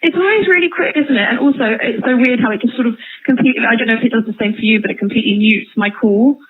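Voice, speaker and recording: On a tinny, band-limited phone line, a woman working as a media interviewer calls an inmate and chats casually, a little tentatively. Her voice is a little high and slightly rough, and she talks very fast.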